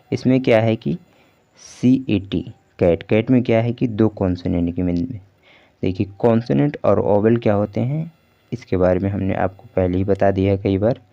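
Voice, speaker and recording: A man's voice: fairly low pitch, creaky, lo-fi sound. A man teaching English pronunciation rules in a patient, repetitive way, asking rhetorical questions as he goes. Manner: patient, repeats points and asks rhetorical questions. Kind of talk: explanatory lesson.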